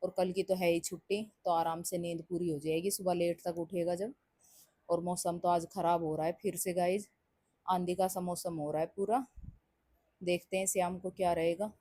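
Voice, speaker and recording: A woman's voice: fairly low pitch, level tone, moderate pace, mellow, no echo. A woman in her thirties, a mother, chatting casually to viewers about her chores in a daily vlog. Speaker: home vlogger and mother.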